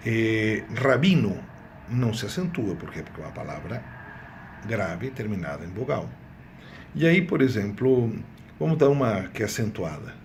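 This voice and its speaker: Man, low voice, Spanish teacher, exam review lesson, repeats key words, faint background noise. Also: sing-song, gravelly. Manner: repeats key words, drawn-out emphatic examples.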